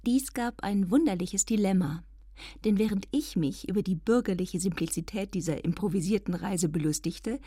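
A woman's voice: on the low side, warm tone, no room sound, studio quality. A woman reading a nineteenth-century novel aloud in the first person, in an ironic, affected, theatrical manner. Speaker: reader.

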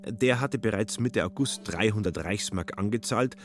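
Calm, low male narrator. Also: normal speed, faint music behind. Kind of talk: literary radio reading.

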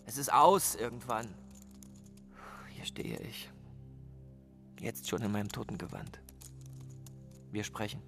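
An actor in a radio play voicing a cynical man who calls himself a professional of love. He lectures sardonically and swings between hushed asides and emphatic bursts. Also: medium pitch, slow, vocal fry, long pauses, over music.

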